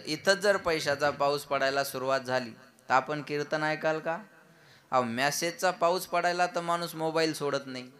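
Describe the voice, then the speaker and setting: A man preaching a devotional kirtan sermon. He keeps asking the audience to answer him back and slows down to chant verses. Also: on the high side, bright, forceful tone.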